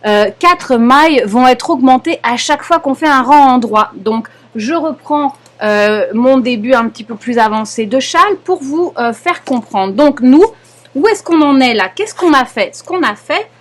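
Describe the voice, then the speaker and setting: In a live online knitting class, the teacher, a young woman with a French accent and a high-sitting voice, walks her students through each step patiently. She pauses a lot and keeps checking in, asking "d'accord?".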